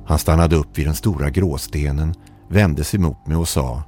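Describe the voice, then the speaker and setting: A man reading an eerie first-person story aloud in a measured, calm narrating manner. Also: very deep voice, soft background music.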